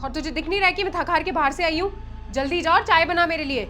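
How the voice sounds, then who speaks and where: Young daughter-in-law, bossy, insulting, high-pitched, played by a woman, faint music bed. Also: fast talker, bright, forceful tone. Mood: contemptuous. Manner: insulting, commanding.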